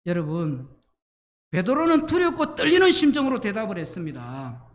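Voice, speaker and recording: A male pastor preaching a sermon in an animated, emphatic way, at times raising his voice to a shout. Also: high voice, moderate pace.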